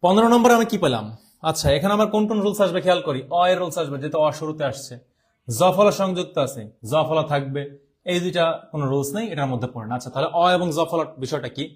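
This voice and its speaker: A man's voice: on the high side, animated, fast talker. A young man from Bangladesh teaching an online exam-prep class, explaining step by step and quizzing his students as he goes. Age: young adult. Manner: repeats and drawls words to show how they are said.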